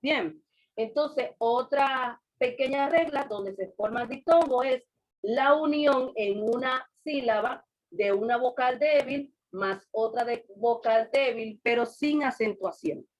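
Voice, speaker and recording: A woman's voice: on the high side, slow. A woman teaching a class over a video call, patiently repeating examples and quizzing her students. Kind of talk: online class lecture.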